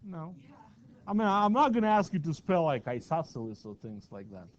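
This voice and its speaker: A math teacher lectures in a classroom, his voice sitting a little high for a man. He keeps it chatty, tossing questions out to the class. The recording is dull and lo-fi. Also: sing-song, moderate pace.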